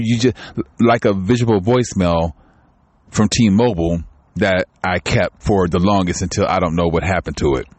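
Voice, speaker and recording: A man with a very low voice speaks to his viewers in a loose, rambling way, often restarting his sentences. He sounds candid and close to tears. The recording is close and dry, with no room sound. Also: a little mellow, husky, no room sound. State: tearful. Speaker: channel host. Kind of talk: casual personal vlog talk.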